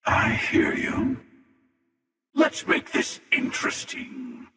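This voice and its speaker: An actor playing a menacing, cynical universe-hopping hunter in a video game, with a gravelly, breathy rasp and a deliberate, sardonic delivery. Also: male voice, bright, forceful tone, heavy reverb, big-room sound, recorded from a distance. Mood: cool, persuasive. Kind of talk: dramatic sci-fi game dialogue.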